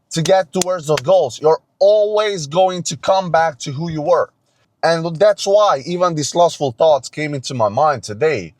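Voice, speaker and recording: This young Romanian-born self-improvement vlogger, running on no sleep, delivers an unscripted motivational monologue in a forest at dawn. His voice sits on the high side, and the sound is close and dry with no room sound. He's earnest, intense, and preachy, repeating himself as he goes.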